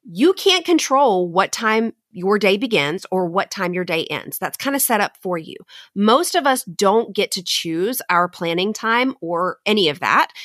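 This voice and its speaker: A woman speaking in an earnest, encouraging tone as she talks straight to her listeners. Her delivery is direct and firm, and she sits at mid pitch for a woman. The recording is close and dry, with no room sound. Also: fairly bright tone, no room sound. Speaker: podcast host and teacher coach. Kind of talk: motivational solo talk.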